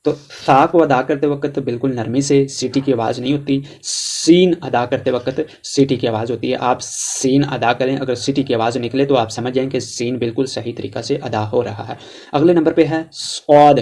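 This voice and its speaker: A man with a Pakistani Urdu accent teaching a tajweed lesson, explaining letter sounds and drawing out each letter slowly as he drills them. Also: medium pitch, darkish tone. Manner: slow, drawn-out recitation of letters between plain explanations. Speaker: Quran reading teacher.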